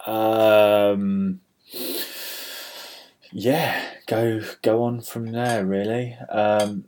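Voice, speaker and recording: A British man with a slightly low voice chats off the cuff as the host of a homemade weather show. He is dry and grumbling, full of mock exasperation. It is recorded on a laptop's built-in microphone. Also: darkish tone. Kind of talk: rambling casual solo chat.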